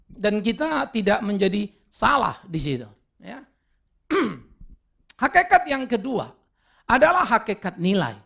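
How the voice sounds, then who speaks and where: A male pastor preaching a sermon in an animated way. He slips English words into his talk and acts out the people he quotes. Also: very high-pitched, gravelly.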